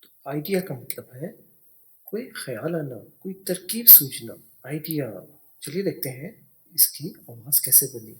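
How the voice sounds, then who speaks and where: A man's voice: a little high, lively intonation, a little slow. A man teaches English words by spelling them out letter by letter and patiently explaining each sound. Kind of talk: slow spelling and pronunciation lesson.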